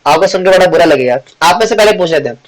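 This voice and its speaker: A man teaching a devotional scripture class in a chatty, joking way. He asks the class questions, answers them himself and clears his throat often. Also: sits high, expressive, racing, over a noisy crowd, rough recording. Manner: joking, chatty, teasing the audience. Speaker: Bhagavad Gita class teacher.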